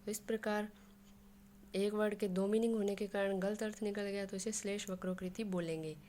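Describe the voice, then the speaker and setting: A woman's voice: mid-range voice, steady tone, moderate pace, dark tone, slight background noise. A woman explaining a Hindi grammar lesson, working through examples step by step and mixing English words into her Hindi.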